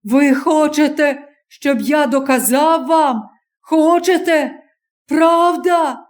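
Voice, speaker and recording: A woman reading an audiobook, voicing a hunted young male student who pleads with a crowd and breaks into shouts. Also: sits high, slow pace, voice pushed up. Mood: desperate.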